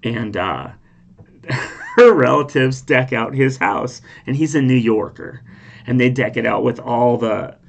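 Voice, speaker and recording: Male reaction-video host, informal and conversational, rambling through personal stories like he's chatting with friends. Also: mid-range voice. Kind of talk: casual rambling chat and storytelling.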